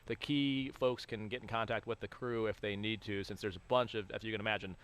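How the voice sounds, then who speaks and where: A man's voice: on the low side, steady tone, fairly quick, fairly bright tone. A man giving live explanatory commentary as an expert on a launch broadcast.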